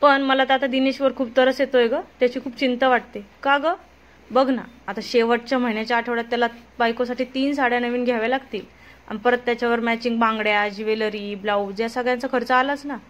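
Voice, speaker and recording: A woman's voice: fairly high pitch, fairly even intonation, a little fast, dull audio, natural voice. A chatty gossipy young friend, read by a woman.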